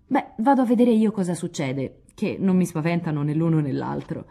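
Woman voicing a lively coaxing girl, storybook reading, low mellow voice. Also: moderate pace. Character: spirited coaxing young woman.

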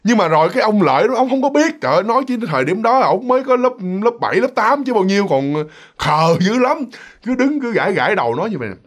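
A man's voice: sits high, sing-song, fast. A man with a Mekong Delta accent telling a ghost story in a chatty, loose, repetitive way, speaking directly to his listeners. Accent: Southern Vietnamese, Mekong Delta. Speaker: storyteller, channel host. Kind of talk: casual ghost story narration.

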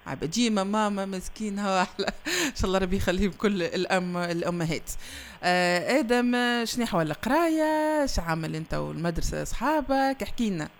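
A woman's voice: medium pitch, expressive, fast. A woman with a Tunisian accent hosting a radio show, chatting and teasing a young caller and laughing often. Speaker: radio host. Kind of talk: casual chat with a young caller on air.

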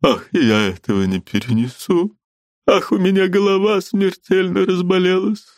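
A man's voice: high-pitched, moderate pace, darkish tone, no echo, studio quality, voice pushed up. A man voicing a theatrical, self-pitying middle-aged mother who complains and threatens.

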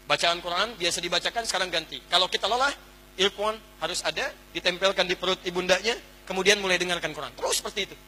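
A man preaching an Islamic lecture to a congregation, animated, going from hushed to exclaiming and putting questions straight to the audience. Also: high-pitched, fast talker, a little hiss or hum. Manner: addresses the audience directly with questions. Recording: echoey hall.

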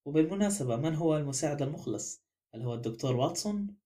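A stubborn young woman who answers with light mockery, as a man reads her in an audiobook. The voice is a little high for a man and has a soft, dark tone. The manner stays offhand and teasing. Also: animated, racing, close to an everyday voice. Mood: mocking. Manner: light and mocking. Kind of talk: audiobook character reading.

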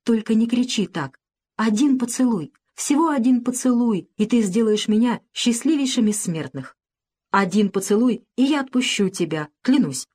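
A woman's voice: on the high side, expressive, normal speed, dark tone, slightly rough, pitched above the performer's own voice. A woman voicing a young man in an audiobook, a fervent, coaxing suitor pressing his affections. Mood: begging.

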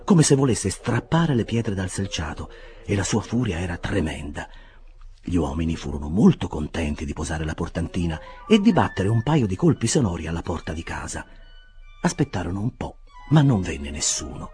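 A man reading a classic novel aloud as an expressive, dramatic narrator. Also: deep voice. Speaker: audiobook reader. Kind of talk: audiobook narration.

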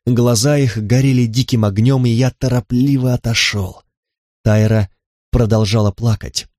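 A man narrating a novel in the first person, with steady, even storytelling. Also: medium pitch, moderate pace, dry recording, studio quality. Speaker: audiobook narrator.

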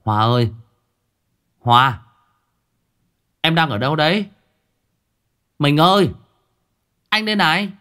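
A man's voice: on the high side, sing-song, takes it slowly, long pauses, clear, resonant tone, pitched above the performer's own voice, exaggerated voice. A man voicing a frantic young groom who calls out desperately for his bride. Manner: calling out loudly and desperately.

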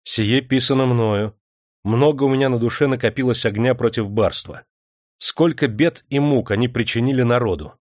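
A man voicing a defiant young serf prisoner who answers mockingly and shouts back. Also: mid-range voice, moderate pace, no echo, clean studio sound, close to an everyday voice.

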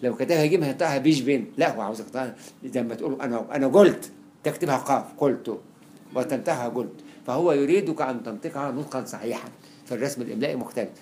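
A man with an Egyptian accent giving a classroom lecture, quickly listing examples and repeating words for emphasis. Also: mid-range voice, a little mellow, a little hiss or hum. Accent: Egyptian Arabic. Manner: explains quickly with many examples, repeats words to stress them. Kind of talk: classroom lecture on Arabic spelling.

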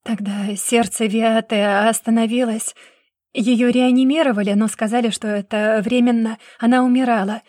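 A woman reading aloud gives voice to a frantic young wife begging to be believed, her pitch set fairly high and her protests rising in breathless bursts. The sound is dry and close. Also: darkish tone, no echo, close to an everyday voice. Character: desperate young pregnant wife accused of murder.

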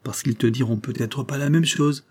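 A man reading aloud, voicing an older country notary who talks in a wry, teasing, mock-official way, with a dark, husky voice. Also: mid-range voice, normal speed, pitched above the performer's own voice, lightly acted. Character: old country notary, sly and amused.

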